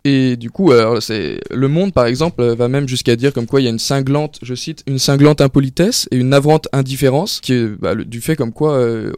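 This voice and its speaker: Halting young man giving a radio segment. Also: mid-range voice, darkish tone, clean tone, dry recording, studio quality. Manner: halting, many fillers and restarts. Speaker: student columnist. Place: radio studio.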